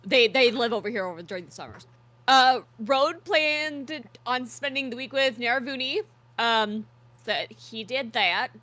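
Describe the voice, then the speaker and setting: Woman player, bright and a touch high, casual recap between laughs. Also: unhurried, no room sound. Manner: laughing, joking, loose recap. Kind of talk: casual chat at a tabletop game stream.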